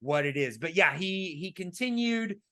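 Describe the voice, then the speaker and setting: Raspy-voiced man in casual podcast chat. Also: high-pitched, moderate pace. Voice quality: raspy today. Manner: animated, emphatic, many fillers and restarts. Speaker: podcast co-host.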